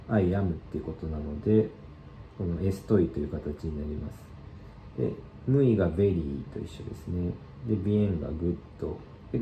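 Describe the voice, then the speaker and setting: A man giving a casual language lesson, explaining slowly and loosely with many fillers. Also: deep voice, mellow, roomy sound, slight background noise, poor audio. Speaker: Spanish teacher.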